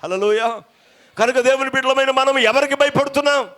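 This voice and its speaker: A man preaches in a high, bright and clear voice that cuts through the church. He swings from near-shouted climaxes down to hushed, low asides to his congregation. Between points he calls for praise and hallelujah. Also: brisk. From coastal Andhra Pradesh, India. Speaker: pastor. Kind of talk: Telugu sermon to a congregation. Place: church before a live congregation.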